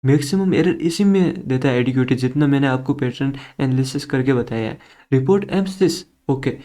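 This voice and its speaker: A man's voice: medium pitch, a little fast, warm tone. A young man teaching an exam-prep lesson in a casual, chatty way, mixing English words into his talk.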